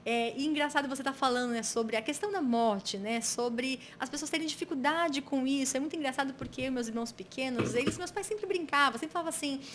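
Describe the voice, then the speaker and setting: Earnest Brazilian woman pastor, higher voice. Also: fast talker, hardly any pauses, a bit bright, a little hiss or hum. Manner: earnest, reflective, with frequent restarts. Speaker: interview guest. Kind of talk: personal storytelling in an interview.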